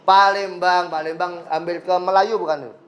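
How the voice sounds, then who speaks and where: A man's voice: high-pitched, steady tone, normal speed. A man teaching a religious education class, joking with pupils, asking them questions and acting out short stories. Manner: jokey, asks pupils questions, acts out voices in anecdotes. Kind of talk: classroom lesson with storytelling.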